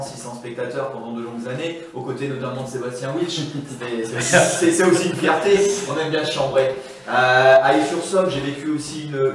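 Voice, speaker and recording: Male guest, loose rambling answers, heard distant in an echoey space. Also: medium pitch. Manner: rambling, repeats words. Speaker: guest former footballer. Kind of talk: casual interview answers.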